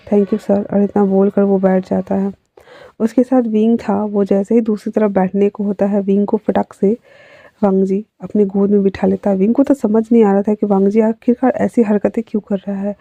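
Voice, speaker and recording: Woman reading out a fan fiction story, very dark mellow voice, flat, dull lo-fi recording. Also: medium pitch, dry recording. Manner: reads each character's lines in her own voice, with little change. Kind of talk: casual story narration with acted dialogue.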